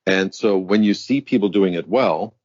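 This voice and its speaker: With a low, slightly mellow voice at a moderate pace, a German man in his fifties shares his story as a guest executive coach, speaking reflectively and articulately in an interview. The sound is dull and dry, with no room sound.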